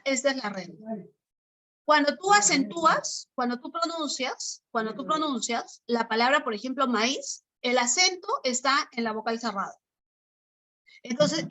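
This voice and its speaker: A woman teacher with a high, bright voice works through a lesson step by step, repeating key terms and checking in with her class through short questions. The recording is low quality.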